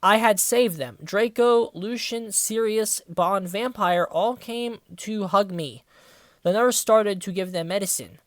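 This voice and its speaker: In a clean, dry studio recording, a reviewer apparently in their twenties reads fan fiction aloud a little slowly in a medium-pitched voice. The dramatic reading is punctuated by casual, profane, sarcastic asides mocking the story.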